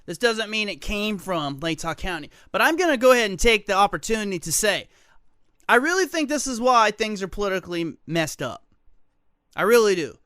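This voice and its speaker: A high-pitched male talk radio host ranting sarcastically about local news in a dry, close studio sound. His voice is bright and cutting, and he keeps throwing in joking asides between the stories. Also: very animated, a little fast, dry recording. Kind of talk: solo talk radio commentary.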